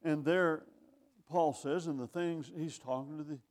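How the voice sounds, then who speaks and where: An older male preacher with a somewhat high voice delivers a sermon. He talks in a conversational, wry way, reading scripture aloud and asking rhetorical questions. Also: fairly even intonation, unhurried. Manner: reads scripture in older phrasing.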